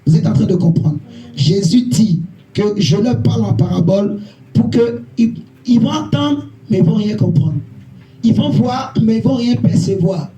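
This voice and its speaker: A man's voice: high voice, animated, normal speed, dark tone. A man preaching a sermon as an evangelist, repeating his points and checking with the congregation through questions. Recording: echoey church hall, faint music.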